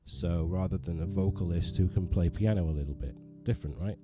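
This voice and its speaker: Over music, a man with a low-pitched voice talks fairly quickly during a casual livestream from his living room. A pianist with a digital piano at hand, he rambles, runs himself down and restarts often as he chats with viewers.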